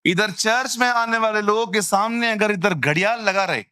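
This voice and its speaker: A man preaching a lively sermon, acting out people he meets and mocking them. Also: high voice, normal speed, smooth, no room sound, studio quality.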